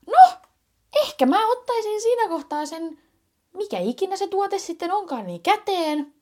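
A young woman co-hosting a casual chat podcast, loud and teasing, laughing a lot. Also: very high-pitched, sing-song. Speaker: podcast co-host.

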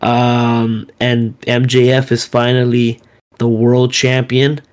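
A man's voice: mid-range voice, completely flat delivery, slow pace, darkish tone, smooth. A man co-hosting a wrestling podcast, talking in a laid-back way with lots of fillers and swearing. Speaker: podcast co-host. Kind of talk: casual wrestling podcast chat.

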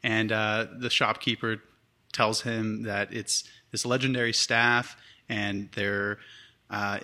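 A man hosts a podcast and walks through a movie plot in loose, rambling chat. His voice is very bright and crisp. He laughs often and fills gaps with "um" and "like". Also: on the low side. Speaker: podcast host summarizing a movie. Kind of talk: casual chat.

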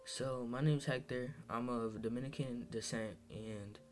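A man's voice: medium pitch, fairly even intonation, measured pace, darkish tone, soft background music. A young man from Massachusetts hosting his first solo podcast, talking in a rambling, hesitant way full of fillers and restarts, sounding tired. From Massachusetts, USA. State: tired, low on energy. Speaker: podcast host. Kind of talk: casual solo podcast monologue.

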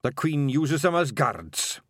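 A man's voice: mid-range voice, sing-song, takes it slowly, a bit bright, no room sound, studio quality, voice pushed up, heavily acted. A man voicing a boastful little male pixie chieftain with a Scottish accent. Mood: gruff.

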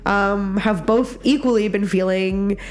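Woman, stuffed-up nose, raspy, informal podcast chat, giggly. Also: fairly even intonation, unhurried. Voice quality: low, raspy. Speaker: podcast host, social worker. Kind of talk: casual chat.

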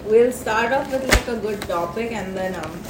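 A young woman from India co-hosting a chaotic friends' podcast, giggly and lively. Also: fairly high pitch, moderate pace, over a noisy crowd. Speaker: podcast co-host. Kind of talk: chaotic casual chat among friends. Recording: echoey noisy room recording.

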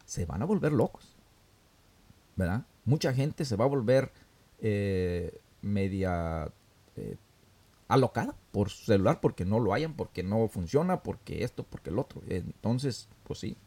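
Earnest male talk host, lively pitch. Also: a little slow, husky. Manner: earnest, advice-giving, with fillers. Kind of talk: casual talk-show commentary.

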